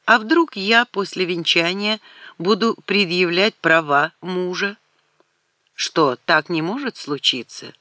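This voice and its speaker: A woman reader voicing an old, courteous and protective baron, speaking softly and earnestly. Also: fairly low pitch, slow, no room sound.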